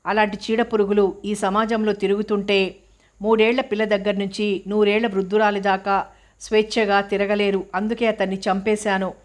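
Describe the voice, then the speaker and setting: A woman reading the part of a resolute older female cook who speaks in a steady, firm, solemn way. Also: medium pitch, moderate pace, lightly acted.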